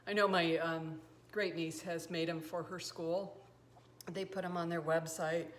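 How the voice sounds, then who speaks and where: An older woman with a somewhat low voice hosts a home cooking video, talking through a recipe in a chatty, enthusiastic way with the odd filler. She records in a home kitchen, and a faint hiss of background noise sits under her voice. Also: steady tone, measured pace. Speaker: cooking show host. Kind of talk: casual recipe demonstration.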